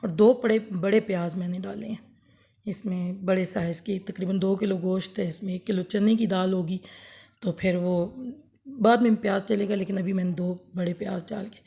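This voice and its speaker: A woman with a sore, hoarse throat giving a rambling, homely cooking demonstration for her vlog. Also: mid-range voice, mellow. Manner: homely, rambling, self-correcting explanations. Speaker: cooking vlogger. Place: home kitchen, later outdoors under a fan.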